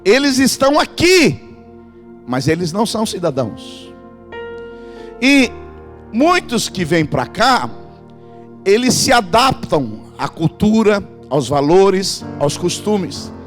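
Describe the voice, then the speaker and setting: A man preaches with a strikingly high voice, pressing his congregation to answer back. Soft music sits faintly under his sermon in the church. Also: very animated, takes it slowly, pauses often. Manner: emphatic, calls the congregation to respond. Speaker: pastor. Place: church in Portugal.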